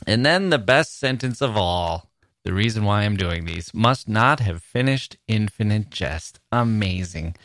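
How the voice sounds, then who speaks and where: A man hosting a podcast reads out personal ads in a lowish voice with a fairly bright tone, giving humorous solo commentary full of wry amusement and rhetorical questions. The recording is dry, with clean studio sound.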